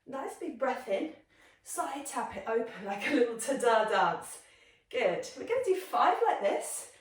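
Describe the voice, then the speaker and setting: Heard from a distant mic in a very echoey room, a yoga instructor speaks in a slightly high, sing-song voice at normal speed. She demonstrates the moves herself while offering encouraging, chatty guidance.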